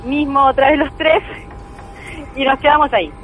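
A woman with an Argentine accent recounts a true ghost story as a guest. Her voice sits very high, and she tells it earnestly and emphatically, circling back to key phrases. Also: steady tone, normal speed, highs cut off, soft background music. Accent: Argentine Spanish.

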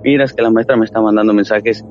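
A man telling a true ghost story from his family, in a casual, animated way, acting out what his relatives said. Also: fairly low pitch, racing, highs cut off, a little hiss or hum. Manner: animated retelling with quoted voices.

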